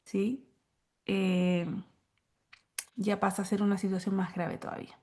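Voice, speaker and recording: A woman's voice: level tone, unhurried, a little mellow. A woman giving a recorded lecture to teachers, explaining step by step and checking in with listeners often. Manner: explanatory, checks in with frequent "¿ya?" and "¿cierto?"; acts out quoted lines in a higher voice. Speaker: course instructor. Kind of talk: recorded lecture on child behavior.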